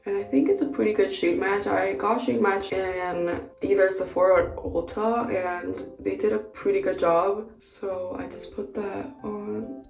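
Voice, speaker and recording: Young woman with a gravelly, roomy voice. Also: medium pitch, steady tone, unhurried, a little mellow. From Peru. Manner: chatty and candid, frequent "like" fillers. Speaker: beauty vlogger. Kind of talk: casual chat during a makeup tutorial. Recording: roomy, distant mic with background music.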